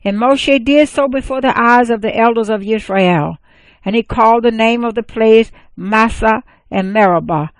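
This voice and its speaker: A woman reading scripture aloud, measured and even, with careful pauses. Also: medium pitch, no echo. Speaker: scripture reader.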